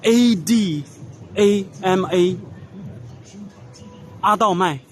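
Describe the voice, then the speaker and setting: A man casually narrating a walking tour of a trade expo, unhurried, spelling out brand names letter by letter as he walks. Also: sits high, a little hiss or hum. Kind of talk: casual walk-and-talk narration. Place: large indoor trade expo hall.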